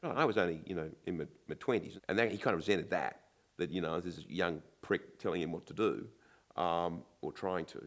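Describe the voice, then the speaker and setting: A man's voice: deep voice, brisk. An older man, reminiscing casually and candidly in an interview with a wry manner.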